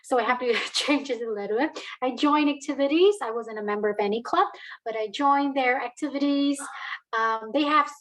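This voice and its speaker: High-voiced woman, hesitant and chatty. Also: moderate pace, a little hiss or hum, rough recording. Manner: hesitant, many fillers and restarts. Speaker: alumna guest. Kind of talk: casual interview answers.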